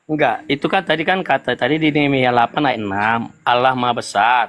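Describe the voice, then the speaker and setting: A man's voice: mid-range voice, fairly quick, a bit bright. A man insistently defending his point in a heated religious debate, repeating himself. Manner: insistent, repetitive.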